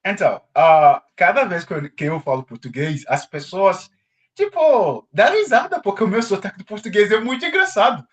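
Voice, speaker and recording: A Congolese man who speaks English as a second language chats casually with a class about learning languages, appearing as a guest. His voice sits high and runs a little fast, and the recording is muffled. He's animated and expressive, laughing often.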